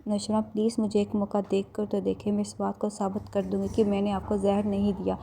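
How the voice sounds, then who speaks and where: Flat-voiced woman recapping a drama. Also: medium pitch, vocal fry, slight background noise. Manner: steady flat narration with restarts. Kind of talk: casual retelling of a TV drama plot.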